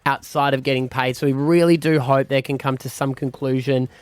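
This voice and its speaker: A man's voice: mid-range voice, steady tone, a little fast, clear, resonant tone, no echo. An Australian man co-hosting breakfast radio, easygoing and friendly. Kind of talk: casual radio banter.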